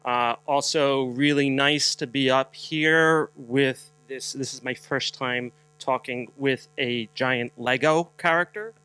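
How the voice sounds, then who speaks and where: Guy from jersey telling a slow story, lots of ums, bright clear voice, dry sound. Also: medium pitch, steady tone, poor audio. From New Jersey. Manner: halting with many fillers, light humor, builds to rhetorical questions. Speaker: speaker leading a spiritual moment. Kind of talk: storytelling talk at a conference. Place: conference hall.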